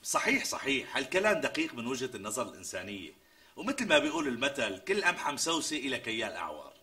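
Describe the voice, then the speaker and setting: Brief: sharp, bright-voiced sidekick, quick and lively. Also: male voice, medium pitch. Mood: incredulous. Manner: exclamatory, incredulous. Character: skeptical friend, quick to exclaim. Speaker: comic sketch character. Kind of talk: TV sketch comedy acting.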